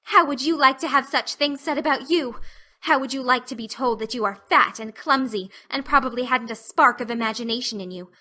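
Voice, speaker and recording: A woman's voice: sits high, fairly quick, bright, forceful tone, voice pushed up. A woman voicing a fiery, indignant young orphan girl with vehement delivery in a dramatized audiobook. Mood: indignant rage. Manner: vehement, emphatic.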